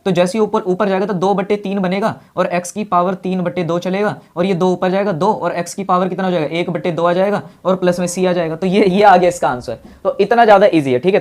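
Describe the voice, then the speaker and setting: A male maths teacher talks through a lesson at a brisk, rapid clip. He asks questions aloud and answers them himself, and calls his students brother in a friendly way. He repeats the key steps to drive them home. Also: sits high, a little mellow.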